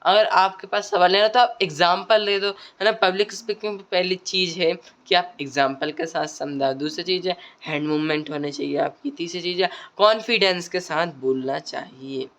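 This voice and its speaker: This man's high, slightly bright voice moves at normal speed with few pauses. A creator sharing speaking advice, he talks casually and conversationally, repeating himself and using frequent fillers and tag questions.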